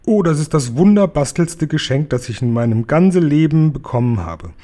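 A man reading a children's book aloud and voicing a huge, very old, kindhearted male giant who jumbles his words, louder than his narration. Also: normal speed, lightly acted. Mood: delighted. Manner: loud and booming, jumbled made-up words.

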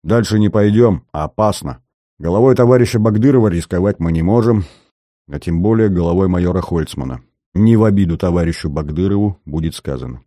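A man doing a dry, calm lieutenant. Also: sits low, fairly quick, dry recording, natural voice. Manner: level, commanding, wry. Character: calm young male lieutenant, dry commander.

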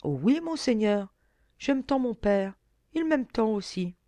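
A brave young fisher girl, earnest and pleading, as a woman reads her aloud in a storybook. Her voice climbs high and swings widely, heard close and dry. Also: lively intonation, measured pace, warm tone, no room sound.

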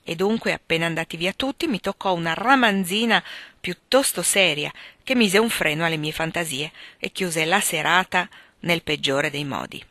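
A woman narrates a classic novel as an audiobook, measured and expressive. Her voice is bright and forceful, pitched a little low. The recording is dry and close to the mic. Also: no echo. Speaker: audiobook reader.

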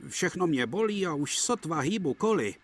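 Duck, a man doing a weary high engine. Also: expressive. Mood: polite. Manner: polite, apologetic, high-pitched. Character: weary grumbling male tank engine. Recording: broadcast dub with music behind.

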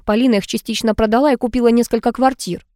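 A woman voicing a composed, educated older woman who speaks in a measured, lecturing way in an audiobook. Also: fairly high pitch, fairly even intonation, mellow, no echo, studio quality, natural voice. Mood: reproachful.

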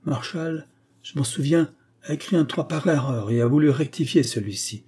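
A man's voice: a little high, moderate pace, husky, pitched above the performer's own voice. A man playing a stiff, cold English schemer. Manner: curt, flat English tone turning angry.

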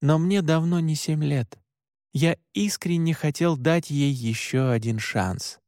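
A man's voice: on the high side, unhurried, a little mellow, no echo. Male audiobook narrator with a dry, close voice. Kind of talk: first-person audiobook narration.

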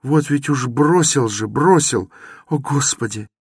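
Guy doing a desperate pleading young woman, urgent and imploring, slow and a bit husky. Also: dry recording, studio quality. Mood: anguished. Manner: urgent, imploring, raised pitch. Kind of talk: dramatic reading of a novel.

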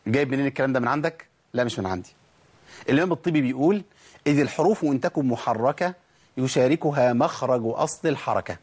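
A man's voice: fairly high pitch, slightly rough. A man with an Egyptian accent teaching Quran recitation, asking questions and answering them himself, and repeating words to show how letters sound. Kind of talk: recorded recitation lesson.

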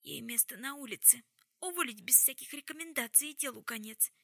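Lady voicing a weepy young woman, shrill and panicky, crackly edge. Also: expressive, a little fast, gravelly, bright, forceful tone, dry recording, clean studio sound, full character voice. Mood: tearful. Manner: sobbing, shrill, near screaming. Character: hysterical young woman, tearful and pleading.

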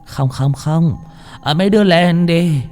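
A male storyteller puts on a wrinkled, hunched old woman who quavers in a raised, hushed voice. She stumbles through her words with drawn-out filler sounds. Soft music plays underneath. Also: fairly high pitch, pitched above the performer's own voice, close to an everyday voice. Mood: insistent. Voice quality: quavering and breathy.

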